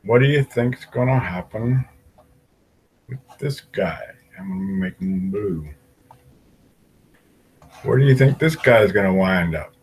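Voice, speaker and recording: A man's voice: fairly low pitch, animated, slow pace, pauses often, a little hiss or hum, poor audio. A man teaching an algebra lesson, working through graphs step by step and asking the class questions aloud. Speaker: math teacher.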